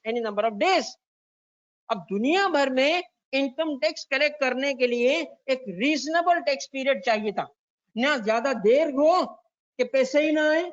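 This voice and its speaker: High-voiced Pakistani man, slow lecturing. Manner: quizzes students, calls on them by name, repeats key points. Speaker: tax lecturer. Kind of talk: classroom lecture mixing Urdu and English. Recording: dull lo-fi lecture recording.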